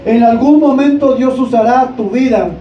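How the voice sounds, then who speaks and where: A male pastor preaching a sermon in a church, asking the congregation questions and rising to shouts. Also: very high voice, normal speed, faint music behind. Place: church sanctuary. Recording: echoey church room, distant mic, dull sound.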